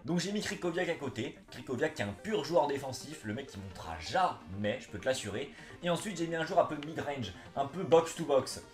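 A young adult gaming YouTuber hosts from a couch in a small indoor room, chatty, slangy, and informal, with slightly slushy, lisped s sounds. His mid-pitched voice swings widely in pitch at a fairly quick clip, and the roomy space echoes over faint background music.

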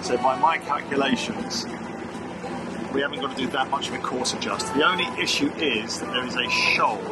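A middle-aged man on a sailboat, calmly explaining anchoring and navigation step by step. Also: mid-range voice, normal speed. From United Kingdom. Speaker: sailing vlogger, skipper. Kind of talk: casual instructive talk on deck. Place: outdoors on a sailboat at sea. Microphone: camera mic. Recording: loud wind and boat noise.

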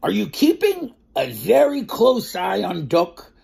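A woman's voice: mid-range voice, wildly swooping pitch, slow, gravelly, warm tone, husky, full character voice. A woman reading the lines of a worried farmer who keeps checking in on his animals by phone, in a storybook. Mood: anxious. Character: worried farmer man away from home.

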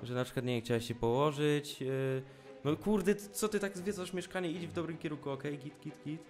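A young man casually commenting on a video game as he plays, cracking jokes, swearing often and shouting at the screen when things get tense. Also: fairly high pitch, a little fast, faint music behind. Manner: jokey, swears a lot, yells at the screen in tense moments. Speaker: let's play gamer. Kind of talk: casual let's play commentary.

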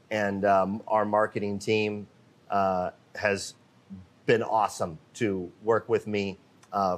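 A man hosting a live, unscripted company walkthrough in an indoor cabinet workshop. He speaks off the cuff into a handheld microphone, with many fillers and restarts. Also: fairly low pitch. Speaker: host of a live company show.

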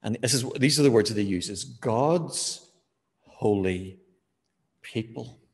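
A man delivers a sermon in a church, speaking at a mid pitch. He pauses with fillers and draws out key words for emphasis. His voice rings with the long reverb of the hall. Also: gravelly, darkish tone. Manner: measured preaching with fillers, slowing to stress key words. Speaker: preacher.

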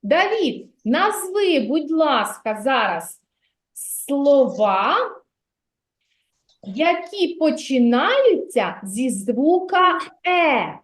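A woman's voice: high voice, sing-song, very slow, echoey room. A woman teaching a literacy lesson to preschoolers in a kindergarten classroom, patient and encouraging, praising the children often.

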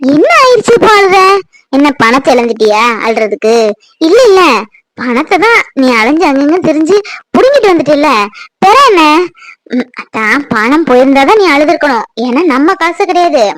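A woman's voice: high-pitched, no room sound. A woman acting a wife in a family drama, talking at length in an earnest, reassuring way.

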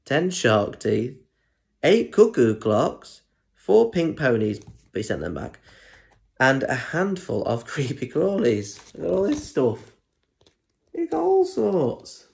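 His mid-range voice is gravelly and swings hugely in pitch as he takes things slowly. A young adult British man who reads stories to primary school children, he gives an expressive reading of a picture book with asides aimed straight at listeners. He records in a small room at home using a phone or tablet at arm's length.

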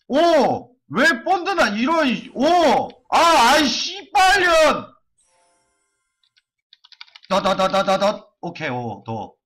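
A man streaming an online game live, chanting and cursing as he gambles on item upgrades. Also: high-pitched.

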